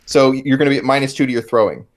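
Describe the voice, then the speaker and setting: A man's voice: mid-range voice, rapid-fire. Man, game master, tabletop game, rambling, many fillers, restarts. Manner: chatty, full of fillers and restarts. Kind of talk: running a tabletop game online.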